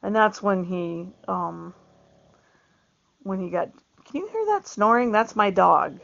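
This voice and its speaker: A woman's voice: medium pitch, lively intonation, takes it slowly, creaky, fairly bright tone. A middle-aged woman chatting in a meandering way, repeating words and laughing often. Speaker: vlogger. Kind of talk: casual rambling monologue. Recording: dull lo-fi recording.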